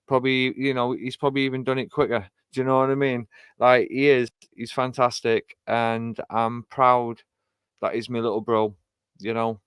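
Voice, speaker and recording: A man's voice: mid-range voice, level tone, normal speed, clear, resonant tone, no echo. A British man co-hosting a music chart show, talking casually with lots of "you know" fillers and eager praise. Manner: warmly praising and enthusiastic. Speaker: radio show co-host. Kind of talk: casual chat.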